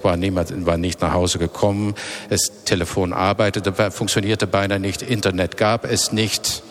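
This very low-voiced man from the Netherlands, in his fifties, speaks German with a Dutch accent and a slightly bright tone. His interview answers come slowly and reflectively, with frequent searches for words and restarted phrases, and a long reverb lingers after each one.

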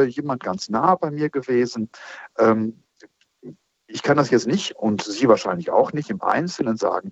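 Husky-voiced priest answering callers. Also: male voice, mid-range voice, no echo, lo-fi sound. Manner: thoughtful, explaining with many fillers.

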